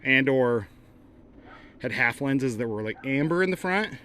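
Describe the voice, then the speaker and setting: A man at an ordinary mid pitch hosts his own hobby videos. He chats loosely to the camera and keeps turning to his viewers with questions. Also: animated, a little slow, a bit bright, a little hiss or hum. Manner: chatty, addresses viewers directly. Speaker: hobbyist channel host. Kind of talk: casual talk to camera.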